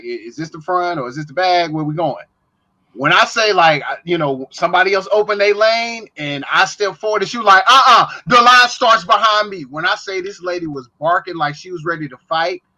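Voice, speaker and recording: High, bright-voiced man on a dull line. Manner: rambling, animated anecdote teller. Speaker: podcast co-host. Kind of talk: casual storytelling.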